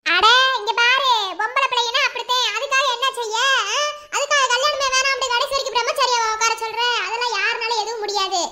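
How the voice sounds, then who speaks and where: Cartoon aunt, Madurai accent, shrill and bright, preachy and fond, voiced by a woman. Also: quick pace, a little hiss or hum. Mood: coaxing. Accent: Madurai Tamil. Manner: long preachy advice, coaxing questions. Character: motherly middle-aged aunt, lecturing and fond. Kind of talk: cartoon voice acting.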